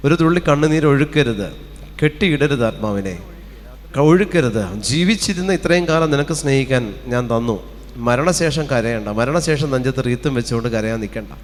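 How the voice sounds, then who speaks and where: Man, Kerala Malayalam accent, fervent retreat sermon, rhetorical questions, mid pitch, long hall reverb. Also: animated, fairly quick. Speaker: retreat preacher.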